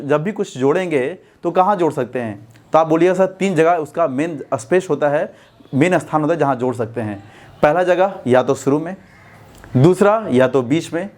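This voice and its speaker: A man teaching a basic English grammar class. He asks the class questions and then answers them himself, and he slows right down to dictate when he spells words out. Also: a little high, a little mellow. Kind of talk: classroom-style lesson explanation.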